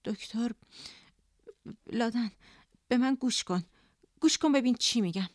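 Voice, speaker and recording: A woman doing gentle consoling colleague Parvin. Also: a little high, fairly even intonation, no room sound, close to an everyday voice. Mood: tender. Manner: soft, tender consoling.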